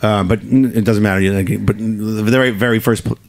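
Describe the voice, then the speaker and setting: A man with a low, husky voice, hoarse and worn out from weeks of gigs. He rambles loosely as a guest in a radio studio, restarting his sentences and padding them with fillers. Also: steady tone, fairly quick, a little mellow. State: hoarse, tired voice after touring. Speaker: guest musician, band frontman. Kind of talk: casual interview chat.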